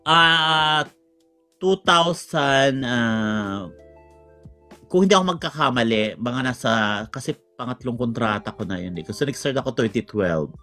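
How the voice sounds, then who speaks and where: A man's voice: medium pitch, lively intonation, unhurried, bright, forceful tone, soft background music. A man from the Philippines telling a long personal story in casual chat, rambling with many restarts. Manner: rambling, code-switching Tagalog and English, many restarts. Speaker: podcast guest telling a story.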